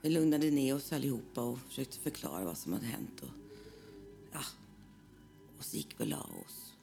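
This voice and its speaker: A woman tells a spooky first-person ghost story in a low, gravelly voice. She keeps it hushed and often drops into whispers. Her tone is dark and mellow. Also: big pitch swings, faint music behind.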